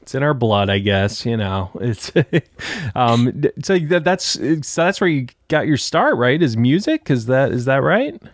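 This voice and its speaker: Guy hosting a podcast, halting, lots of uhs, dry close mic. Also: medium pitch, sing-song, no echo. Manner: halting, many fillers and restarts. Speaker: podcast host. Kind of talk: casual interview chat. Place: home studio, Tampa.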